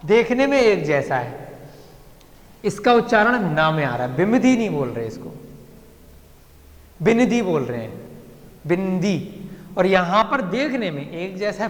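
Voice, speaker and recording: A man's voice: high voice, fairly bright tone. A man teaching a classroom lesson on letters and pronunciation, speaking patiently and repeating sounds aloud for students to drill. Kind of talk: classroom lecture on script and pronunciation. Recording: echoey classroom with long reverb.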